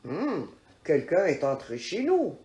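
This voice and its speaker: A woman doing a gruff growling papa bear. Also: wildly swooping pitch, takes it slowly, dark tone, full character voice. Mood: grumbling. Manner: growling, deep. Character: big father bear, gruff and grumbling. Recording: roomy echo.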